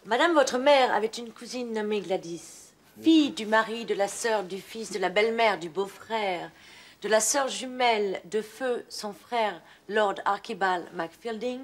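A woman's voice: mid-range voice, a little slow, natural voice. Woman playing a haughty Scottish lady. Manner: broken French, stiff and haughty. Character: prim young Scottish noblewoman. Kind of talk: 1980s French sitcom acting.

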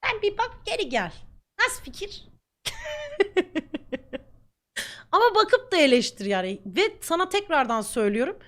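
Blunt, high-voiced woman streamer. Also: very animated, fast talker, few pauses, a bit bright. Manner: blunt and defiant, talkative. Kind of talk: reacting to comments on camera.

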